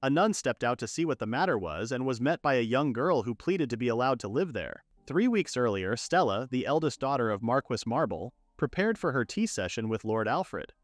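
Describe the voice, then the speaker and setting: A man narrating a story in a steady, scripted storytelling voice, retelling every line of dialogue himself. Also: medium pitch, moderate pace, hardly any pauses, dry recording. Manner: steady storytelling, all dialogue retold in third person. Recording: dry close voice-over with faint music.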